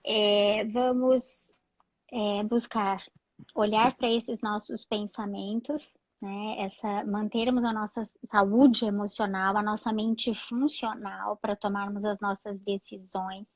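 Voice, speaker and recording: Calm woman psychologist, muffled live audio. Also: medium pitch, takes it slowly, dry recording. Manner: calm, reassuring, many "né?" fillers. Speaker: psychologist guest. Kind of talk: live-stream chat giving advice.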